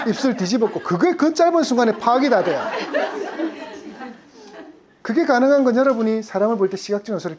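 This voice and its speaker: A woman's voice: medium pitch, darkish tone. A woman lecturing on insurance sales, often putting questions to her audience. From Gyeongsang region. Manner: asks the audience frequent questions. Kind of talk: lively classroom lecture.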